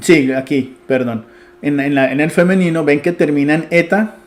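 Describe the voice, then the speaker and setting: A man's voice: a little high, steady tone, moderate pace. A man giving an online Bible Greek grammar lesson, explaining step by step and checking in with his students. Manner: explains patiently, restarts and asks "¿sí?".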